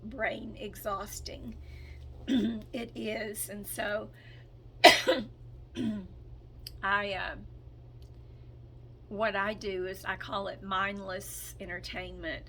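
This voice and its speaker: In poor audio with a faint hiss or hum, a hoarse woman acting as a spiritual channel delivers a relaxed update. She speaks slowly and haltingly, full of ums and throat clearing, in a medium-pitched voice that sounds pushed and bright.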